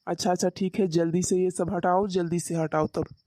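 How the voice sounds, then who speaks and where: A woman's voice: lowish voice, fairly even intonation, a little fast, mellow, no echo, studio quality, lightly acted. Woman voicing an impatient cartoon husband. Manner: demanding, impatient questions. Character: young husband and son, impatient. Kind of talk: Hindi cartoon story voice acting.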